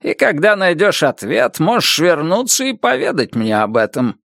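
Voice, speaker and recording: A man puts on an exaggerated voice pitched above his natural one to play a wry, drunken old tramp. His delivery sits on the high side with huge pitch swings, vocal fry, a fairly bright tone and normal pacing. The recording is dry and studio-clean.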